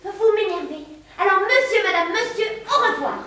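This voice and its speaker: A woman's voice: extremely high pitch, expressive, normal speed, background noise. A woman playing a polite, earnest young girl in a children's stage play, easily flustered. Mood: polite, puzzled. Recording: echoey stage from far off.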